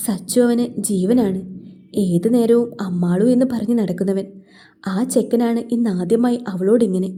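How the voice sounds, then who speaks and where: A woman reading a family drama aloud as narrator, doing every character in one steady voice. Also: medium pitch. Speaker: story narrator. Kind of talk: scripted narration.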